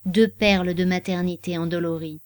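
A woman's voice: fairly low pitch, no room sound, studio quality. Woman narrating a classic novel. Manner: measured, even literary reading.

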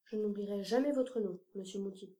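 A woman's voice: mid-range voice, fairly quick, dark tone, natural voice. A woman voicing a polite, trusting little boy in an audiobook. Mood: earnest. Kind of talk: audiobook character reading.

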